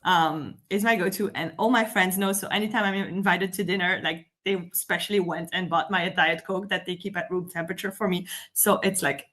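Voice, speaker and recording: This summit host, a Belgian woman with a Belgian French accent, talks a little fast with few pauses in a fairly low, steady, slightly bright voice. Chatting casually as a live stream co-host, she laughs often and says "um" and "like" constantly.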